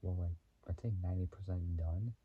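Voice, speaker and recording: A young man talking casually to his channel, rambling through fillers, giggles and throat clearing as he explains a movie. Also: sits low, fairly even intonation, brisk. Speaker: YouTuber. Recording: dull lo-fi sound.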